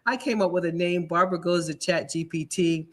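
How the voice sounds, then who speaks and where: A woman host talking up business lessons in a lively, motivational way, tagging her points with "right?". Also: lowish voice, fairly quick. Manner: upbeat, tags lines with "right?". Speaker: show host and business speaker.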